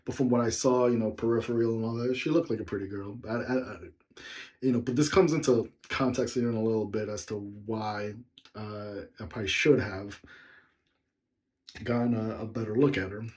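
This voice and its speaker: A man recounts a personal story in a relaxed vlog. He talks loosely and rambles, breaking off to address his viewers before picking the story back up. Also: fairly low pitch, fairly quick. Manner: rambling, with side remarks to viewers. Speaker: vlogger telling a personal story. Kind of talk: casual storytelling.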